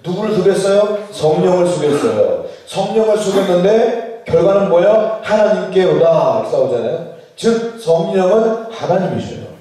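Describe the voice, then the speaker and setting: A male pastor with a high, animated, dark-toned voice preaches at a church retreat at a moderate pace. He questions the congregation and leads them in reading scripture aloud. He sounds far off in a large hall with a strong echo.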